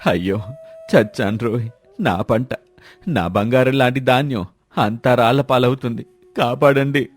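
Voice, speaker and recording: A man voicing a proud village farmer who turns remorseful, speaking in a lowered, lamenting voice. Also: steady tone, normal speed, darkish tone, faint music behind, natural voice. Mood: panicked.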